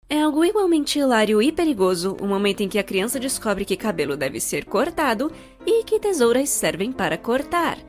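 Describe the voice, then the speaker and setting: Music plays beneath a mid-range female voice with a Brazilian accent. She narrates an animated story from a comedic script, expressive and full of playful sarcasm.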